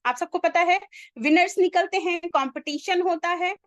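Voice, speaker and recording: A woman giving an animated motivational talk to her team, telling a joke as a story and asking the listeners rhetorical questions. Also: very high-pitched, moderate pace, dry recording.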